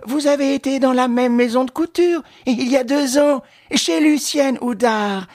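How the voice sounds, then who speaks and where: A scheming middle-aged woman with a husky, breathy tone, as a male reader puts her on, her voice pitched far up and swinging widely between syrupy flattery and flat callousness. Storybook villainy, spoken close to the mic in a dry, unechoing space. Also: normal speed, dry recording. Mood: falsely sweet. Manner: honeyed, ingratiating, then flatly callous. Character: scheming middle-aged woman, falsely sweet then cold.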